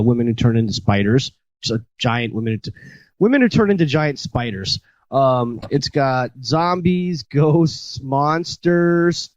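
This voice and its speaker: A man's voice: mid-range voice, darkish tone, no echo, lo-fi sound. A man hosting a podcast, casually retelling a horror movie with many fillers and restarts. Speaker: podcast host. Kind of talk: casual chat.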